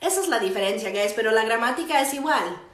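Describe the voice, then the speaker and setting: Slow-drilling woman teacher, echoey room. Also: fairly high pitch, expressive, fairly bright tone. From United States. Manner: slow, drawn-out English examples repeated for practice; quick Spanish explanations with light laughs. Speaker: English teacher. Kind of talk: bilingual grammar lesson.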